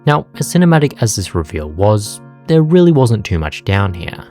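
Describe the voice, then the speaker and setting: A young man narrating his gameplay in a scripted, comedic way, with sarcastic, profane jokes told in a deadpan manner. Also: fairly low pitch, moderate pace, soft background music. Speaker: gaming video narrator.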